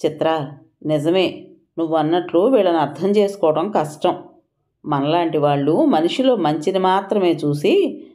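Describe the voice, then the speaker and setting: A woman's voice: low voice, warm tone. A woman voicing an earnest, troubled young woman who speaks sincerely and questions sharply.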